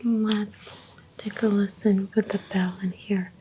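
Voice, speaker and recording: A woman whispering softly as a clinician in a roleplay, calmly giving gentle step-by-step instructions during a check-up. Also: medium pitch, takes it slowly, a little hiss or hum, poor audio. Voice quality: soft whisper. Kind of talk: ASMR medical exam roleplay.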